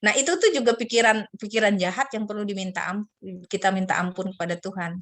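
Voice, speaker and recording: A woman's voice: medium pitch, fairly even intonation, fast talker, a bit bright. A middle-aged woman giving a casual children's sermon over a video call, explaining forgiveness and now and then acting out squabbling kids and God in raised, playful voices.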